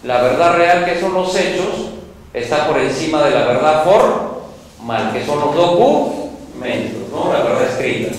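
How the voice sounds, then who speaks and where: A man from Peru teaching a law class, emphatic and animated, often checking that students follow. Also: on the high side, measured pace. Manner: emphatic, animated, asks listeners if they follow. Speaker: law lecturer. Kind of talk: classroom lecture. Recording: very echoey classroom, voice far from mic, faint noise.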